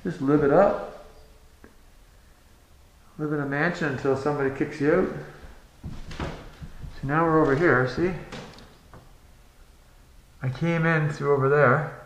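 A man exploring an abandoned house, narrating casually to a handheld camera with hushed, awed asides. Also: a little high, fairly even intonation, unhurried, pauses often, slight background noise. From Canada. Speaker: urban explorer. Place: empty abandoned house, indoors. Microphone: handheld or body camera. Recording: echoey empty rooms.

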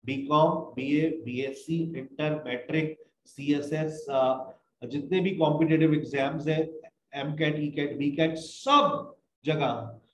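A man's voice: fairly high pitch, slight background noise. A man from Pakistan, teaching spoken English. He explains patiently, slips English phrases into his talk and calls his students "beta". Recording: echoey room.

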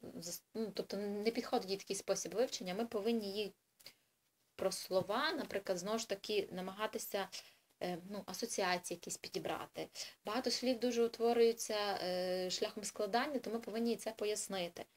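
A woman talks parents through a lesson in a relaxed, unscripted way. She explains things step by step, hesitates often and corrects herself as she goes. Her voice sits at an ordinary middle pitch. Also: a little fast, a little hiss or hum. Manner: chatty and explanatory, with frequent hesitations and self-corrections. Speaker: English tutor for children. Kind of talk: informal video lesson for parents.

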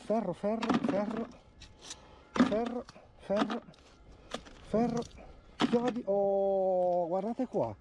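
A man with a high-pitched voice chats through a casual outdoor vlog of his magnet fishing by a river, the background noisy. When something turns up, he excitedly repeats words while pointing it out.

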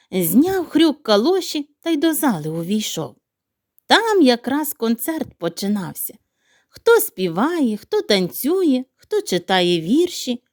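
Animated high-voiced woman telling a fairy tale. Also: dry recording, studio quality. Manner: animated, playful storytelling. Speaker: storyteller. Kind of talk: expressive fairy-tale narration for children.

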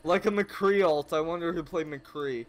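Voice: mid-range voice, normal speed. A player teasing friends and cheering over voice chat during an online game. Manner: excitable, teasing, laughs a lot. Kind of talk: casual gaming voice chat.

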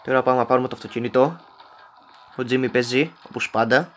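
A man's voice: mid-range voice, steady tone. A young man giving casual let's-play commentary, joking and talking back to the characters on screen. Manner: joking, talks to game characters. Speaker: gameplay commentator.

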